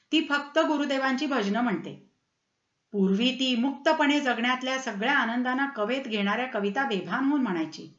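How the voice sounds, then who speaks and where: A woman voicing a lively, cultured lady who gushes about music and poetry, in a slightly dull, roomy recording. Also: high-pitched. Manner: gushing, chatty.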